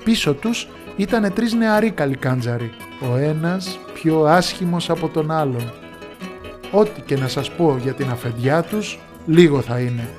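A man telling a folk tale in lively, expressive scripted narration. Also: on the high side, soft background music.

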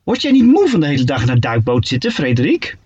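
A man's voice: medium pitch, wildly swooping pitch, fast, darkish tone, husky, dry recording. A man voicing a cheerful, fibbing male seahorse in a storybook reading, chirpy and coaxing. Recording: dull lo-fi recording.

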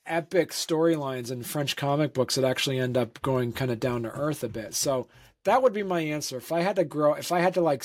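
A comic creator from Vermont answers interview questions in a rambling, casual way, full of fillers and restarts. He has a mid-range voice.

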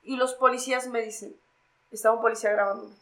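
A woman's voice: a little high, quick pace, rough recording. A young Mexican woman with a Mexican Spanish accent, a podcast guest casually telling a story and acting out the voices of the people in it. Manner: animated, acts out quoted voices.

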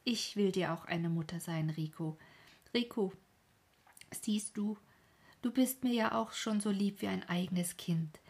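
Storybook part: a woman as a solemn, motherly village woman, breathy, half whispered. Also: medium pitch, a little slow, darkish tone.

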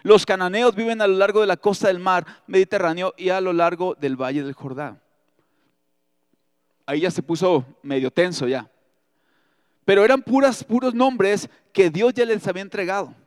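A man preaching a sermon as pastor, reading scripture aloud and breaking in with lively, joking asides. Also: high-pitched, normal speed, smooth, dry recording, clean studio sound, in a large hall. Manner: expressive, reads scripture aloud with asides and humor.

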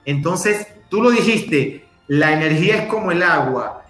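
Guy giving a punchy motivational talk, bright tense voice, echoey room. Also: on the high side, animated, a little slow, soft background music. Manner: direct and emphatic, with acted examples. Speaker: guest speaker.

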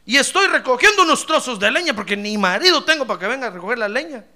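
A destitute widow spits out her complaints in a high, shrill voice, played by a male preacher. She is loud, bitter and grating. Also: big pitch swings, quick pace, heavily acted. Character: bitter, destitute widow woman, middle-aged.

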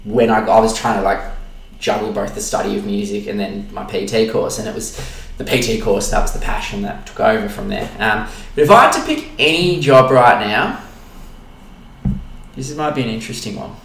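A man's voice: fairly low pitch, fairly quick, gravelly, fairly bright tone, reverberant, low-quality recording. A man in his twenties with an Australian accent, co-hosting a casual podcast and rambling with fillers and swearing, recorded in an apartment. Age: 20s. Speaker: podcast co-host. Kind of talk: casual chat.

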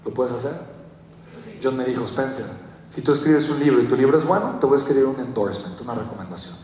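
A man's voice: mid-range voice, lively intonation, quick pace, mellow. A young Mexican man with a Mexican Spanish accent giving a motivational talk, telling a story and acting out quotes with animation. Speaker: motivational speaker. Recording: echoey hall from far off.

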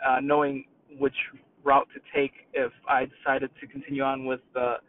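A man's voice: medium pitch, monotone, normal speed. A young man with a New York accent, telling personal stories casually to his channel, often restarting and correcting himself. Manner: rambling, self-correcting with many restarts. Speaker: YouTube creator. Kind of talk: casual personal storytelling to camera. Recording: distant, tinny phone-like sound.

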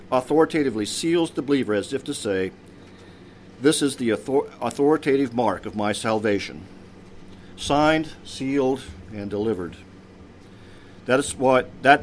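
Man preaching a measured sermon. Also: medium pitch, slight background noise. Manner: measured preaching with pauses, voice drops at phrase ends. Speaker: priest.

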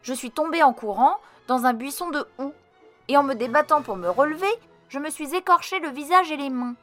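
A woman's voice: high voice, expressive, a little fast, fairly bright tone, soft background music, pitched above the performer's own voice. A woman voicing a brave, kind young boy who talks earnestly.

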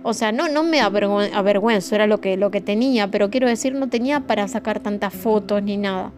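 A woman's voice: mid-range voice, fast, a little mellow. A woman podcast host with a Rioplatense Spanish accent, speaking in a heartfelt, emotional way and addressing her listeners directly. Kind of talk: reflective podcast monologue. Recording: music playing behind the voice.

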